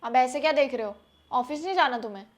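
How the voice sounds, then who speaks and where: In a scripted family sketch, a woman portrays a young wife who firmly and persuasively lectures her husband on savings. She speaks at a quick, steady clip in a high voice, lightly acted, like a no-nonsense homemaker setting the rules. Faint music plays in the background.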